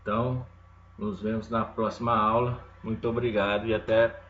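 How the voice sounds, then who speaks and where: A lower-pitched man gives a recorded lecture and walks through each step, often pausing to check that his students follow. His voice echoes in the room, and the recording sounds a bit dull with faint noise behind it. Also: level tone, fairly bright tone. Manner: explains step by step, often adds "tá?" and "tá joia?". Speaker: teacher.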